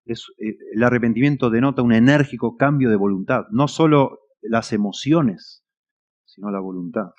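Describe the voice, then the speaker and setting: A man's voice: medium pitch, moderate pace, muffled recording. A man with a Rioplatense Spanish accent preaching a sermon as a pastor, earnest and at times emphatic. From Argentina. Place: church.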